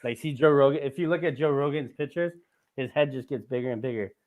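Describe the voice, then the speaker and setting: A man hosting a casual comedy podcast, teasing his guest loudly with crude jokes and frequent laughter. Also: mid-range voice, quick pace. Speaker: podcast host.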